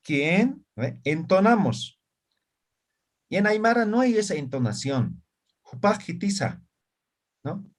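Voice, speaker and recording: A man's voice: high voice, sing-song, unhurried, long pauses. A man teaching an online class in Spanish and Aymara, often checking whether his students follow. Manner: asks frequent check questions.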